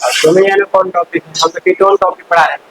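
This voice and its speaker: Male classroom teacher, strikingly high-pitched, quizzes and scolds students, faint hissy recording. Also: steady tone, fairly bright tone, poor audio. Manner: quizzes students with quick questions and answers; scolding, chatty asides to students. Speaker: chemistry teacher. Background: faint hiss.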